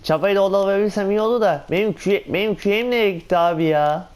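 A man giving casual, excitable commentary on his own gameplay, talking to himself and exclaiming often. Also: high-pitched, quick pace, clear, resonant tone. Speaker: gaming channel host.

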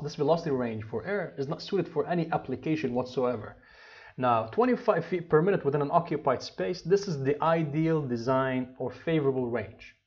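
On lo-fi sound, a slightly high male voice delivers a slide lecture. The speaker, an HVAC instructor in his thirties teaching engineering, walks through the material step by step, restarting sentences and using fillers.

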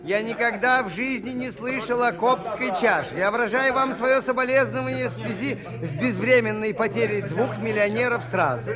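High-voiced Father Brown, mild priest. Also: normal speed, hardly any pauses, music in the background. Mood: polite, bemused. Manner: polite, understated. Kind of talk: early 1980s Soviet radio play acting.

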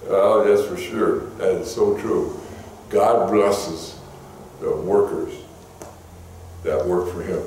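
A man's voice: low voice, takes it slowly, pauses often, darkish tone. A male pastor delivers a folksy, story-driven sermon, his voice leaping upward when he gets stirred. He sounds distant from the mic, in a church sanctuary with heavy echo and a faint hum of room noise.

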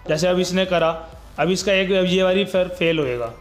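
Soft background music accompanies a young man narrating his gameplay for his YouTube channel in a high-pitched voice at normal speed. He keeps it chatty and casual, addressing viewers straight on and repeatedly saying "guys" and "bhai."

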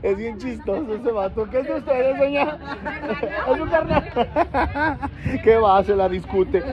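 A man with a Mexican accent working as a party clown in the street, loud and teasing, often shouting jokes at people around him. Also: very high-pitched, animated, slow pace. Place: outdoors on a busy street. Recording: dull street recording with a loud crowd.

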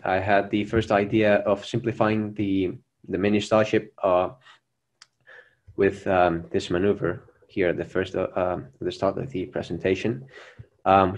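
A young man presenting his own plan over a video call, answering questions earnestly with many fillers and restarts. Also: sits low. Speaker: presenter of a Mars mission plan. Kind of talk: conference Q&A answers.

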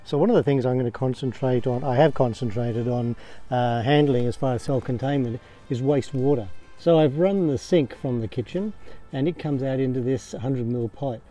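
Here a camping vlogger, an Australian man, strolls his backyard by a caravan with a camera, casually showing his camping gear. His voice is medium in pitch and dark in tone, and his delivery stays plain and slow-paced, peppered with ums and uhs.

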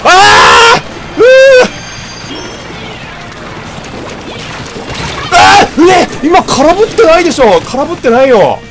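Man crying out loudly over game music. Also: very high-pitched, sing-song, normal speed, poor audio. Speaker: gameplay commentator. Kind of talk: excited shouted live game commentary.

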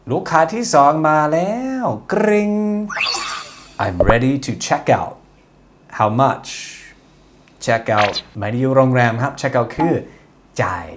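A man with a Thai accent teaching English customer-service phrases in an online lesson, saying the English slowly and explaining quickly in Thai. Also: mid-range voice, noisy background.

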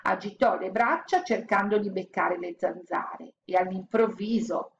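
A woman narrating a children's story aloud in a calm, expressive storytelling manner. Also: medium pitch, a little slow, gravelly, muffled recording, slight background noise. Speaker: audiobook narrator.

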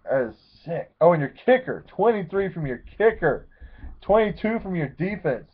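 Man, 30s, excitable rambling league recap, tinny lo-fi webcam sound. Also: high-pitched, moderate pace, husky. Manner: rambling, excitable, self-correcting. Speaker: fantasy football league commissioner. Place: small room at home, seated in a leather chair. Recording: tinny, phone-like webcam audio.

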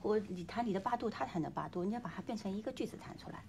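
A woman's voice: mid-range voice, expressive, very fast, gravelly. A woman piano teacher coaching a student, singing and humming phrases as she explains. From China. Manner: coaching, sings melodies and hums phrases. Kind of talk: piano masterclass instruction. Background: piano playing.

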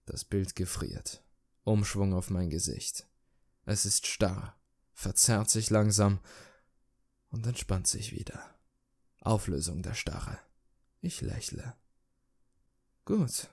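A man reading a horror story aloud in steady, measured narration. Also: low voice, gravelly. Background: background music.

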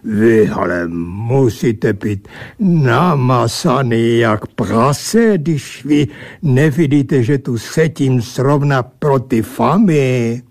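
A rude, boozy creature built of casks and bottles, put on by a male storyteller, booming in slow, mangled speech dotted with German words. His voice is gravelly and husky, and it swings lively up and down as he scolds. It sounds like a creature out of a read-aloud tale. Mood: gruff mocking.

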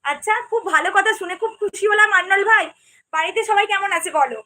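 A woman's voice: very high-pitched, quick pace, sharp tone. A young woman from Medinipur who hosts a cooking channel, chatting casually on a livestream, reading out viewer comments and answering each viewer by name. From Medinipur, West Bengal, India.

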